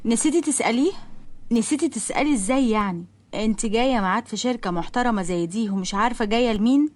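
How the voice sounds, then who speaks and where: A woman's voice: mid-range voice, expressive, very fast, close to an everyday voice. A woman voicing a haughty young office secretary who snaps scornfully in Egyptian Arabic. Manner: scornful and snappy.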